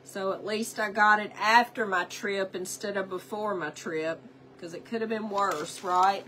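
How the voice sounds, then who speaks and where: A craft livestream host, congested from a cold and sounding stuffed up, chats casually with viewers as she works on a craft, talking to herself and greeting viewers by name. Her medium-pitched voice is a bit bright with fairly even intonation, and she speaks a little slowly. The recording is rough, with slight background noise.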